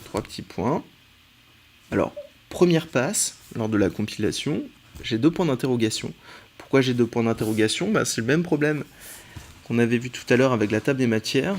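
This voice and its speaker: A man from France walks through a coding lesson at his screen, thinking aloud and often pausing on "euh". His voice sits in a middle range, and audible background noise plus keyboard clicks run under the recording. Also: mid-range voice. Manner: relaxed, thinking aloud while typing, frequent "euh". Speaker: teacher.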